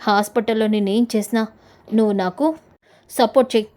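Woman narrator doing a plotting young villainess, high voice, menacing. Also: fairly even intonation, brisk, mellow, natural voice. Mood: scheming. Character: scheming young woman, threatening.

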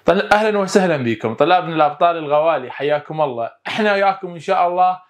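A male English teacher with an Iraqi Arabic accent gives a lively online lesson, coaxing students and repeating English words slowly for them to echo. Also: a little high.

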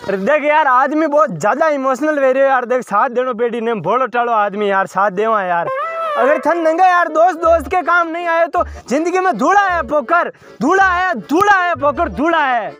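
Man acting as a sentimental village guy, squeaky very high voice, music underneath. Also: fairly quick, hardly any pauses. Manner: pleading and sentimental, then loud street hawking. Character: emotional village man, later vegetable hawker. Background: background music.

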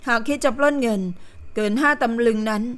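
A woman reading the lines of a cool, irritable young woman healer in an audiobook, speaking curtly and deliberately. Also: fairly high pitch, clean tone, natural voice. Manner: curt, exasperated, deliberate.

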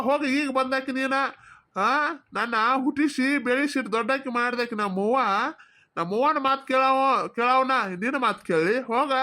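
A woman's voice: sits high, a bit bright. A woman with a Belagavi Kannada accent voicing a stubborn young husband who sides with his mother, in a cartoon comedy. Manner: brusque, dismissive, rapid.

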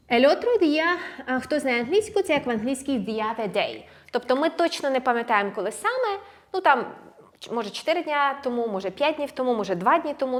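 A woman teaching Spanish grammar in a language lesson, alternating explanations with slowly drilled verb forms. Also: on the high side. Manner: switches between Ukrainian and slow, drilled Spanish words; clear, measured explaining with stressed endings.

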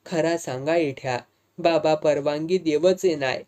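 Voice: mid-range voice, a little slow, darkish tone, close to an everyday voice. A reader doing a teasing young Malvani village woman. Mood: blunt. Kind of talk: audiobook dialogue reading.

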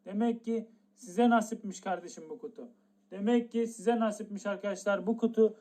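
A man's voice: high-pitched, warm tone. A young man streaming a game live, talking to his chat and stretching out the build-up by repeating the same phrase again and again. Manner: drawn-out hype, repeats the same phrase over and over.

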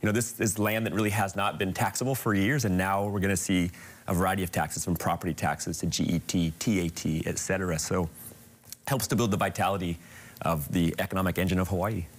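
A middle-aged man, a stadium manager, explaining a project briskly in a TV studio interview. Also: deep voice, fairly even intonation. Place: TV news studio.

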